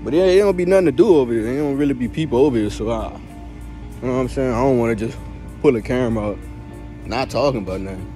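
Talking fast in a mid-range voice with a dark tone, this teen guy vlogs through the school halls and grounds on the way to class, faint music behind him. His chat is casual and slangy, full of laughter and joking interviews.

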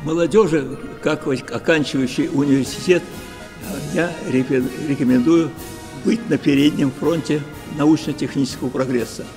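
A man in his nineties recalling the past in an interview, halting, with many fillers and restarts. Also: fairly high pitch, steady tone, over music. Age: 90s. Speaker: war veteran and professor interviewed. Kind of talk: interview recollection.

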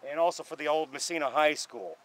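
A man's voice: fairly high pitch, expressive, fast, poor audio. A middle-aged man from northern New York giving a rambling, chatty tour of an outdoor playground, filmed by a cameraman. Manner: rambling, chatty, with many fillers. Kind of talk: casual walking tour commentary. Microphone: camera held by a cameraman.

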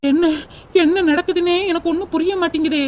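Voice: very high voice, steady tone, quick pace, slight background noise. A woman voicing a meek, put-upon daughter-in-law in a cartoon, talking in a plaintive, pleading way. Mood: grumbling. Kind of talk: cartoon voice acting.

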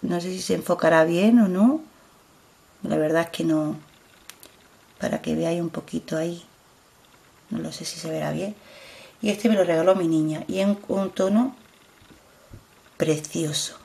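A beauty vlogger, middle-aged and speaking with a Spanish accent from Spain, has a lowish, gravelly voice that's a little mellow. She talks casually as she displays her products on camera and keeps repeating herself, telling viewers to look closely.

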